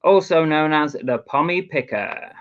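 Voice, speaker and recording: A man's voice: a little high, a little slow, heavy background noise. A man from England co-hosting a casual live stream, chatty and teasing with many ums. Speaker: co-host. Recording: dull lo-fi stream audio.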